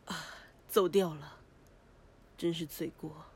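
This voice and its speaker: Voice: medium pitch, fairly even intonation, slow pace, a little mellow, husky, full character voice. A voice actor playing a gallant young prince, once a cursed frog, in a cartoon, speaking in a grand, poetic, courtly way. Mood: smug. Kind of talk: cartoon voice acting.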